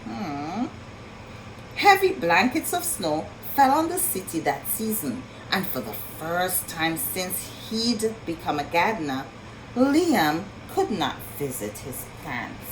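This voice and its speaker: A female storyteller slowly reads a picture book to kids in a lowish, very animated voice. She keeps marvelling at the pictures and asking the children questions. The recording is noisy.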